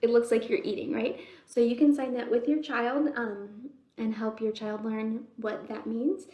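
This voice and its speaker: With a fairly high, dark-toned voice, fairly even intonation, and an unhurried pace, a woman leads a children's storytime as the librarian host, reading aloud, teaching signs, explaining things simply, and quizzing her young listeners. The indoor sound is roomy and echoey.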